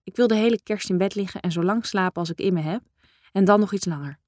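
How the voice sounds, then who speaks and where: A woman reading a first-person novel aloud in a calm, measured, introspective way. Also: medium pitch, no room sound, studio quality. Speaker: audiobook narrator. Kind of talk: first-person literary narration.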